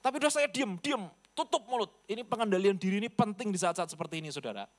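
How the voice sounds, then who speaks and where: A male pastor with a somewhat high voice preaches in an animated storytelling way. He acts out the other people in his tale and keeps turning to his listeners. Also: quick pace. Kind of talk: sermon with personal story.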